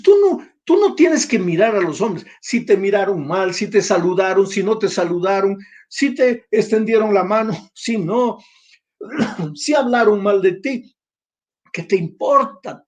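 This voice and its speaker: A man's voice: high voice, a little mellow. An older man with a Peruvian Spanish accent, preaching a sermon and telling an emotional story, often rising to emphatic cries. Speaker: pastor.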